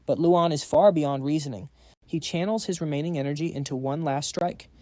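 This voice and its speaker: Guy doing a scripted story recap, kinda high voice but dark tone, dry close sound. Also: fairly even intonation, fairly quick, no echo. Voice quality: quips to the audience. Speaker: recap narrator.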